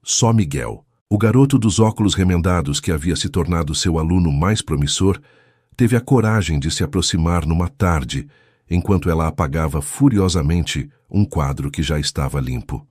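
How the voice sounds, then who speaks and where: A man's voice: deep voice, moderate pace, darkish tone, slightly rough, no echo, clean studio sound. A man giving a solemn, scripted narration of a romance story.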